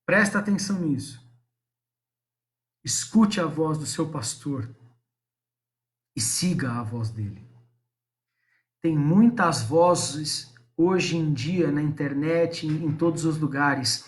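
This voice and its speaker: High-voiced pastor preaching. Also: male voice, animated, takes it slowly, pauses often. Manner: preaching, addresses viewers and congregation directly. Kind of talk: live-streamed sermon.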